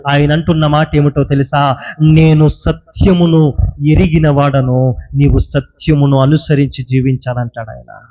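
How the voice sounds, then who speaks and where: A man with a high, ringing voice delivers a sermon. He hammers home each point by repeating his phrases and turning questions straight at the listener. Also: a little mellow, lo-fi sound. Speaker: preacher.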